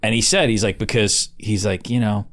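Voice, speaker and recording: A man with a New York accent, co-hosting a podcast, relaxed, retelling things he heard with lots of fillers. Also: fairly low pitch, moderate pace. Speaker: podcast co-host. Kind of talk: casual chat.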